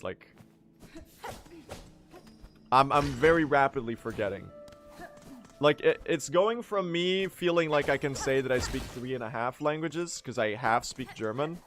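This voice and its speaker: With a mid-range, fairly bright voice, this Swedish speedrunning streamer talks to his audience mid-game in a chatty, wandering way. He keeps revising what he just said and drops the occasional mild curse.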